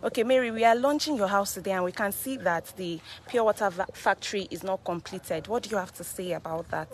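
A Nigerian woman hosting a live interview, prompting with brisk questions and short "okay"s. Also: medium pitch, a little hiss or hum. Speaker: host. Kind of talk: live interview and walk-through.

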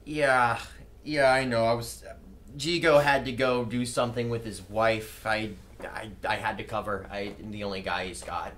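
A man's voice: fairly low pitch, fairly even intonation, normal speed, fairly bright tone, slight background noise. A man playing a nervous, stammering character in a tabletop game. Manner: hesitant, stammering. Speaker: player.

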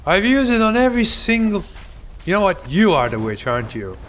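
A young man gives casual, sarcastic let's play commentary, joking and ranting about the game in a goofy way, with hums and mock voices. His voice is high and a bit bright, swinging widely in pitch at a slightly fast pace. There's slight background noise.

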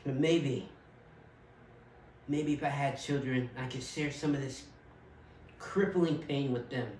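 A man performing a dramatic monologue as a grieving widower, bitter and heartbroken, with a measured, quiet, halting delivery. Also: medium pitch, slight background noise, close to an everyday voice. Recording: roomy echo, from far off.

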